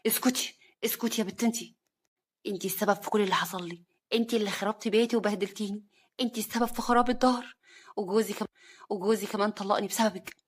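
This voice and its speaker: A woman voicing a scheming, spiteful young wife who sneers and shouts, in a husky, breathy voice. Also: medium pitch, fairly even intonation, very fast, natural voice. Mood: furious shouting.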